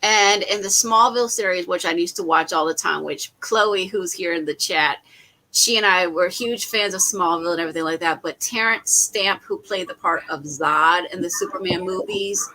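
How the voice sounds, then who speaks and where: A woman's voice: on the low side, moderate pace, sharp tone, poor audio. A woman hosting a casual livestream watch party, chatting animatedly and laughing often. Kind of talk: casual group chat on a livestream.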